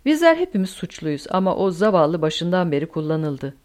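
A woman voicing a calm, fatalistic older male German officer in an audiobook. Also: lowish voice, normal speed. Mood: resigned.

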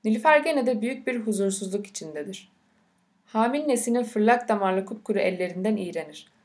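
A woman narrating an audiobook of a novel, with a measured, unhurried reading. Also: medium pitch, lively intonation, a little mellow.

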